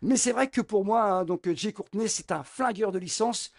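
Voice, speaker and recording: High-voiced man, halting film review. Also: vocal fry. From France. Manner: hesitant, heavy filler words, many restarts. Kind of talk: casual film review vlog. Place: home room with film posters behind.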